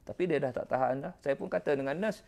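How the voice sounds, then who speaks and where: A middle-aged man with a Malaysian Malay accent who tells a personal story as a preacher. He talks with animated exclamations and speaks directly to his listeners. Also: on the high side, fast talker, gravelly. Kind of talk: storytelling religious talk.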